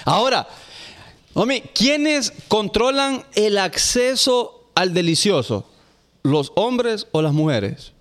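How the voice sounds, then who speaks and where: A man in casual podcast banter, excitably quizzing the others. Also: high voice, takes it slowly. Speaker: podcast co-host.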